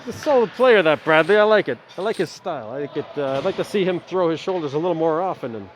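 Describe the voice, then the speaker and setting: High-voiced man calling amateur hockey. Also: faint music behind. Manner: rapid play-by-play with relaxed chatty asides. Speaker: play-by-play hockey commentator. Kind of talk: amateur live sports commentary. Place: ice rink.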